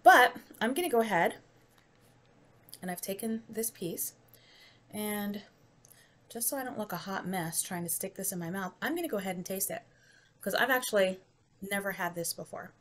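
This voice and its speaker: A woman's voice: mid-range voice, normal speed, pauses often, a bit bright. An American woman chatting casually to camera in a taste-test vlog, rambling and laughing easily. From United States. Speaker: vlogger.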